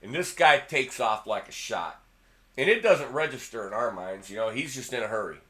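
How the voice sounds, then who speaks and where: Middle-aged male guitar host, bright edge to the voice, casual rambling storyteller. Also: mid-range voice, expressive, moderate pace. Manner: rambling, anecdotal, repeats words.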